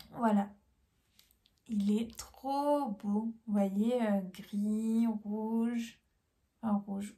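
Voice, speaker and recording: This young woman has a mid-range, dark-toned voice as she talks excitedly about her knitting buys in a casual vlog. She's a knitting vlogger doing a haul video, chatty and full of fillers.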